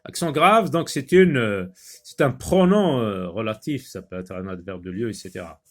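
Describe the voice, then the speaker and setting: A man teaching a grammar lesson, patiently explaining exercises with many pauses and fillers. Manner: slow, patient, with many fillers and restarts, raises pitch reading example sentences. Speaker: primary school teacher.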